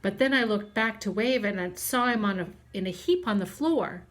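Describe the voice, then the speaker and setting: A woman with a mid-range voice reads a children's storybook aloud the way a teacher would. Her storytelling is expressive and deliberate.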